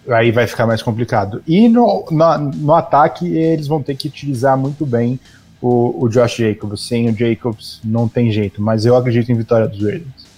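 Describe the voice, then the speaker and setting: A Brazilian man with a slightly mellow, mid-pitched voice. He gives hesitant, explanatory football analysis in an informal live stream, with faint music underneath.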